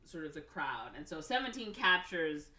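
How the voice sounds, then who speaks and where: A woman hosting a podcast and recapping a movie in casual chat. She tells it with animation, says "like" a lot and slips into quick acted quotes. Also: low-pitched, big pitch swings, pushed and bright. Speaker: podcast host. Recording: roomy, from a distance off the mic.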